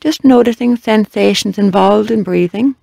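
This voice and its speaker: This is a medium-pitched, creaky voice recorded dry. It belongs to a meditation guide who leads a body scan in a measured, gentle way, leaving long pauses between instructions.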